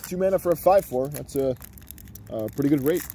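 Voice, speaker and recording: A man casually commenting on opened cards, enthusiastic and quick with asides. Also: a little high, lively intonation, warm tone, slight background noise. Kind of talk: casual card-opening chat.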